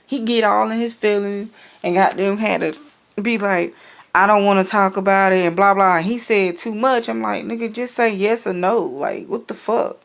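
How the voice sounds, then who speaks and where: A woman's voice: on the high side, gravelly. A young woman telling a personal story in a casual, profane and sarcastic rant, acting out the exchanges. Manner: profane, sarcastic, animated retelling with quoted exchanges.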